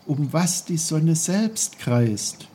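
A man voicing a curious little boy who eagerly asks questions, in a husky, slow storybook reading. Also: on the high side, animated, warm tone, voice pushed up, exaggerated voice. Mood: wondering.

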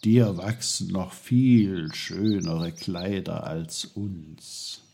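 A man voicing old, wise talking trees that speak slowly and calmly. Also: low-pitched, vocal fry, slight background noise, full character voice. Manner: slow, calm, murmuring.

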